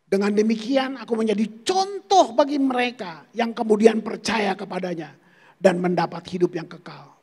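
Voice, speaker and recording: A man's voice: high-pitched, animated, normal speed, a little mellow, slightly rough. A pastor preaching a sermon to his congregation, telling personal stories and calling them "saudara". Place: church sanctuary. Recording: long church hall reverb.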